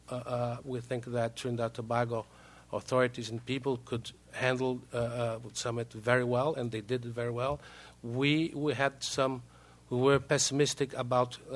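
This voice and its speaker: Halting Brazilian man speaking broken English. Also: mid-range voice, a bit bright. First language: Portuguese. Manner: halting, frequent hesitations and repeated words. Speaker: diplomat, panel speaker. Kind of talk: formal prepared remarks.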